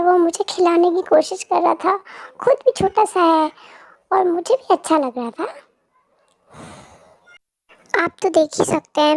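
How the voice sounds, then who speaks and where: Brief: cheerful baby girl narrating her day, very high pitched with a touch of fry. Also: darkish tone, no echo. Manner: chirpy, playful, talks straight to viewers. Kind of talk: cutesy vlog narration.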